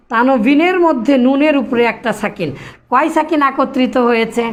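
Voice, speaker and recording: A woman teaching Arabic grammar. She asks her pupils questions, answers them herself in an affectionate way, and chants the rules in a rhythmic recitation. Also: high voice. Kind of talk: classroom-style lesson.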